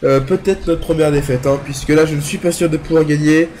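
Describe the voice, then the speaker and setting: Congested and nasal from a cold, a young man narrates his mobile gameplay for his gaming YouTube channel, chatting and thinking out loud. He speaks fairly quickly in a steady, slightly mellow, higher-leaning voice, with a little hiss or hum.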